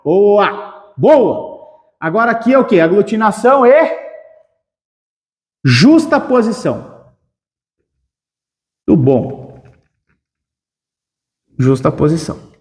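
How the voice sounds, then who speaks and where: A man teaching a grammar lesson for exams, energetic and playful, stretching out key words. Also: sits high, slow, pauses often, in a large hall. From southern Brazil. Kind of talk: exam-prep grammar lesson.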